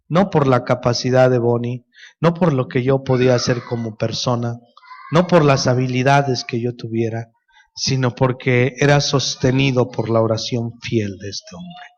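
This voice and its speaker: A middle-aged pastor with a Mexican Spanish accent preaches a sermon in a mid-range voice, heard through a muffled recording. He tells stories and calls the congregation his brothers.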